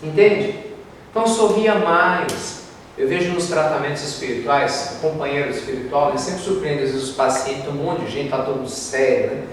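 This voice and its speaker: A man from Brazil with a Brazilian Portuguese accent, giving a spiritist talk as a lively storyteller in a large lecture hall. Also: on the high side, moderate pace. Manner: lively storyteller, acts out quoted voices. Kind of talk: spiritist talk with told stories. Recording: echoey hall, distant mic, faint noise.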